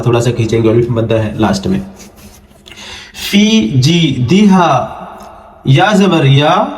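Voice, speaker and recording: A man teaching Arabic letter reading for the Quran, spelling out each letter and vowel, then stretching the syllables slowly before quick, low spoken explanations of the rules. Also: reverberant. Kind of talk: online Quran reading lesson.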